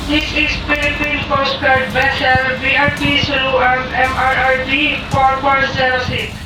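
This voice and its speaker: Woman on marine radio, coast guard operator, slow formal call, high flat voice, distant and echoey. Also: very noisy. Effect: marine radio transmission. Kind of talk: hailing a vessel over radio.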